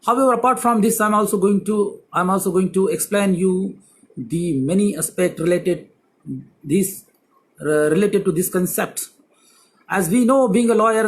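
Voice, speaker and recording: A man's voice: high-pitched, poor audio. A man, an advocate, giving a law lecture with emphatic repetition of key words. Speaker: advocate teaching civil procedure.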